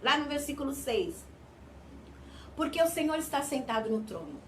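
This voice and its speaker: A woman's voice: sits high, big pitch swings, moderate pace, a little hiss or hum. A Brazilian woman preaching a fervent sermon, often calling out "Amém?" to her listeners. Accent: Brazilian Portuguese.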